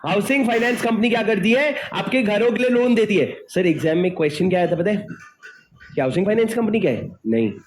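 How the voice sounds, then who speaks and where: A man's voice: sits high, lively intonation, fast talker. A male teacher giving an exam-prep lecture, mixing Hindi and English, who keeps quizzing his students and then answering himself.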